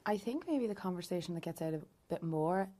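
A woman's voice: lowish voice, lively intonation, fairly quick, mellow. A woman in her twenties with an Irish accent, answering conversationally as an interview guest. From County Louth, Ireland. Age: 20s. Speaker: interview guest, youth political group member.

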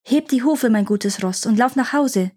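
A woman doing a calm young prince. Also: on the high side, normal speed, slightly rough. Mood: resolute.

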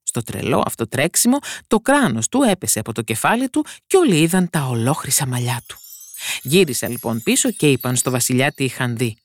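A woman narrating a fairy tale for a podcast, expressive and switching voices for characters. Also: a bass voice, dry recording. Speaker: storyteller.

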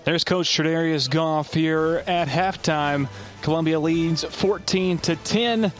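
A man's voice: a little high, takes it slowly, faint music behind. A man hosting live football halftime commentary from a stadium press box. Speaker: play-by-play sports host.

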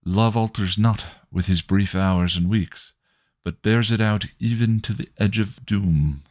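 A man voicing a gentle, romantic male poet who recites verse slowly and lyrically. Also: on the low side, dry recording, clean studio sound, voice pushed up, lightly acted. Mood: tender. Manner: slow, lilting recitation of verse.

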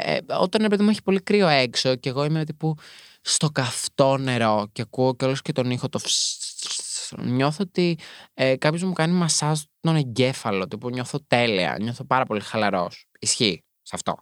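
A young man from Greece hosting a solo podcast, reading passages aloud and breaking into campy, chatty asides with sudden swoops up in pitch. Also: expressive, fairly bright tone, smooth, no echo, studio quality. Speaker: podcast host.

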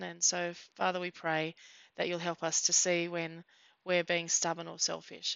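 A woman leading a church prayer in an earnest, measured way, with small hesitations. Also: on the low side, creaky, a bit bright, dry recording. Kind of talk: spoken prayer. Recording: dull lo-fi sound.

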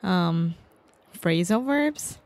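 Slow, hesitant woman. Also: lowish voice, expressive, a little mellow. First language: Portuguese. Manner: short hesitant answers, searching for words. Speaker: podcast guest, advanced English learner. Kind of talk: casual chat.

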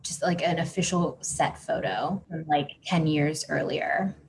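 Woman, podcast host, low voice, casual chat, filler-heavy, laughs a lot. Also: a little slow, slight background noise. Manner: chatty, frequent "like" fillers, laughs often.

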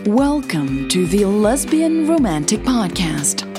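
A woman narrating scripted audio fiction in a measured storytelling manner, phrase by phrase. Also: mid-range voice, sing-song, music in the background. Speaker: podcast host and narrator.

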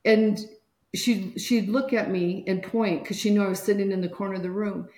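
A woman's voice: medium pitch, steady tone, normal speed, dark tone, reverberant. A woman guest on a podcast interview, telling a personal caregiving story and acting out the voices of people she quotes.

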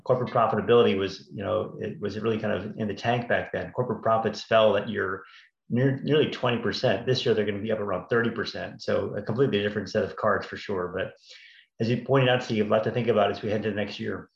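Guy with gravelly voice chatting markets, kinda hesitant, echoey slightly dull audio. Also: fairly low pitch, steady tone, quick pace. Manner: hesitant, rephrases often. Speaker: market commentator on a panel. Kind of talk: conversational financial commentary.

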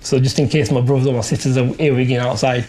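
Speaking as an interviewee, a middle-aged British man of Pakistani heritage shares a personal story informally and conversationally. He talks fast at a medium pitch, with a flat delivery and a darkish tone.

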